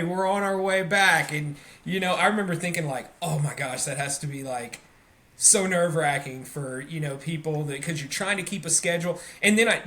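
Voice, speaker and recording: A man's voice: fairly high pitch, fairly bright tone. A man hosting a podcast, rambling through a story with many fillers. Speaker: podcast host. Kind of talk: casual interview chat.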